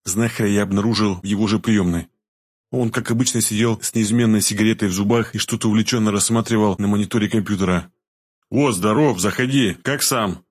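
Husky guy reading an audiobook, calm and matter-of-fact. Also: lowish voice, fast, no room sound. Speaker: audiobook narrator. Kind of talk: first-person audiobook narration.

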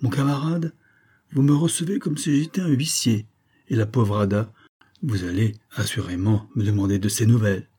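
A man reading aloud voices an effusive, flattering middle-aged army major with a theatrical, gushing manner. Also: lowish voice, moderate pace, husky. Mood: reproachful.

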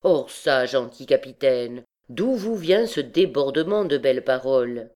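A woman's voice: a bass voice, expressive, measured pace, darkish tone. A woman voicing a cocky young male student who talks in a teasing, haughty way.

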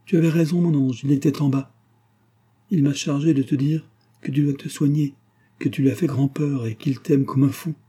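A man voicing a devoted, anxious old nursemaid in an audiobook reading, fretful and doting, raising the pitch. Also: fairly even intonation, moderate pace, mellow, husky. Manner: fretful and doting, crying out in alarm.

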